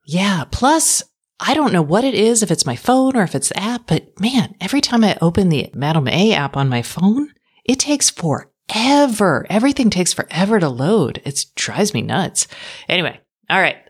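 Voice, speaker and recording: A woman's voice: lowish voice, very animated, normal speed, slightly rough. A woman co-hosting a tech podcast, talking frankly in casual chat with dry asides that trail off. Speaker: podcast co-host.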